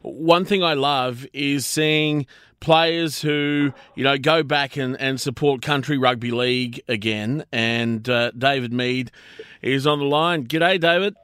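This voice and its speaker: A man's voice: medium pitch, slow, a bit bright, clean tone, no echo, studio quality. An Australian man hosting a casual radio interview in a matey, colloquial way. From Brisbane, Australia. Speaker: radio host.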